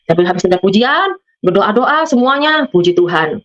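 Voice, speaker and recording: Here a woman from Madura, Indonesia, speaks at a medium pitch, animated and a little quick, with the high frequencies cut off. As a testimony guest, she tells her religious story aloud, voicing its characters and frequently turning to address the audience.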